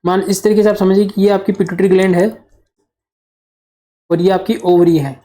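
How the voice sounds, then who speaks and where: A man's voice: high-pitched, level tone, fairly quick, mellow. A man teaching nursing exam material as a whiteboard lecture. He poses questions, answers them himself, and repeats the key terms.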